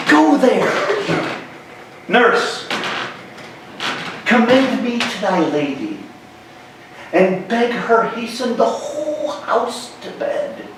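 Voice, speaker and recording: A man performing a stern, exasperated friar scolding a young man in a slow, declamatory Shakespeare stage monologue. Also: very high voice, voice pushed up, heavily acted. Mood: urgent, admonishing. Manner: theatrical, emphatic, slow deliberate phrasing. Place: large hall, live stage. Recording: echoey hall, distant mic, faint noise.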